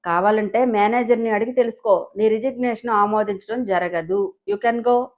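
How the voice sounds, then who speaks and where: A woman's voice: medium pitch, normal speed, highs cut off, lightly acted. A woman voicing a cocky young husband who poses as his wife's boss, teasing and mock-dramatic.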